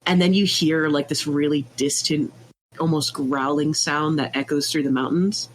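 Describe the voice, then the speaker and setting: A woman guest on a podcast telling a tabletop game story in an animated, laughing way, often acting out what people said. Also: low voice, moderate pace, a little hiss or hum. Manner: animated, laughing, jumps into quoted voices. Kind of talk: casual storytelling chat.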